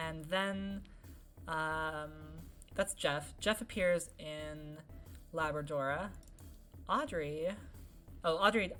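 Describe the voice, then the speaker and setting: Young woman game dev, low voice, chatty, easily sidetracked commentary. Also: a bit bright. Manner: chatty, wandering, answers chat. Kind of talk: casual let's-play commentary.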